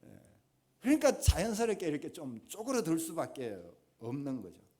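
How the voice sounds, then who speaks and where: A pastor with a Gyeongsang accent delivers a sermon in a church. His voice sits high and swings widely in pitch. He presses each point with mounting emphasis. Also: big pitch swings, moderate pace. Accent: Gyeongsang Korean. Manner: emphatic, rising to forceful exhortation. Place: church sanctuary.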